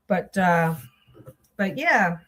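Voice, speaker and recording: Over a noisy background, a woman with a lowish voice rambles animatedly while sewing for her vlog, drawing out her words. She keeps restarting and interrupting herself, drifting into distracted asides about her stitching.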